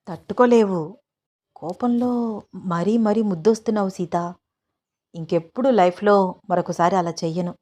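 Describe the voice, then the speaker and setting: A woman's voice: lowish voice, darkish tone, natural voice. A woman voicing a playful, pushy young husband who teases his wife. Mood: pleading softly. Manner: teasing, cajoling.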